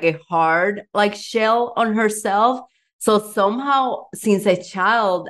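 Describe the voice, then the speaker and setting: Effusive woman podcast host, lower voice. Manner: effusive, emotional, fillers of "like". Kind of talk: casual interview chat.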